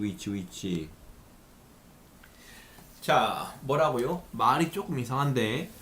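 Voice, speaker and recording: A male math teacher lecturing at a board with a very lively, swooping delivery. He asks questions and answers them himself, and now and then speaks in his students' voices. His pitch sits in a middle range.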